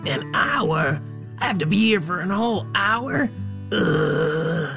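A cocky, bumbling young detective in a children's story, voiced by the narrator. He blusters loudly, then turns jumpy and nervous. His voice has a gravelly fry, with faint music behind. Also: medium pitch, lively intonation, slow pace, voice pushed up. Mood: whiny. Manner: blustery, easily spooked.

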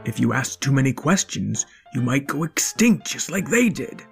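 Woman doing a stern, deep father dinosaur. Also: sing-song, moderate pace, gravelly, soft background music, full character voice. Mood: lecturing. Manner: firm, lecturing, hushing. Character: stern, set-in-his-ways father dinosaur. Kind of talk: storybook character voice.

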